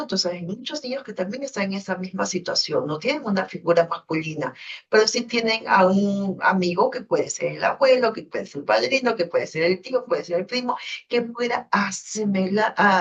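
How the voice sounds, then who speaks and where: A woman counsels a student in an online class, her tone calm and reassuring, with pauses between her thoughts. Her voice sounds set back from the microphone and comes through dull and muffled. She speaks at an average pitch for a woman. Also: far from the mic. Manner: gentle, reassuring advice with frequent pauses. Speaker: teacher.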